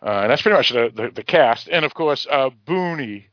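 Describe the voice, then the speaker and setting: A man with a Boston accent hosting an informal film discussion, speaking haltingly with frequent hesitations and filler sounds. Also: medium pitch, expressive, no echo. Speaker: film podcast host. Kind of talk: informal film discussion, semi-prepared introduction. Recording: dull, lo-fi audio.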